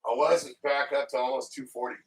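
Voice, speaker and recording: With a mid-range, steady voice that's slightly rough, a man hosts a casual livestream, talking briskly and loosely with viewers. He rambles and jokes around with them, full of fillers and restarts.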